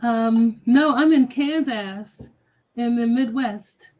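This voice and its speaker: A woman from Pittsburgh, Pennsylvania, calls in to a livestream. Her voice is high, and she talks politely and hesitantly, often pausing with fillers. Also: mellow, poor audio. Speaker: caller. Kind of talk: casual call-in chat.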